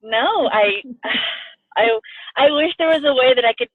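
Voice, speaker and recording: A woman's voice: sits high, lively intonation, unhurried, no room sound. Puerto rican woman gushing thanks, tinny phone-ish sound, dry. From Puerto Rico. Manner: effusive, gushing, tearful at times. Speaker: coaching client guest. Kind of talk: emotional video-call interview.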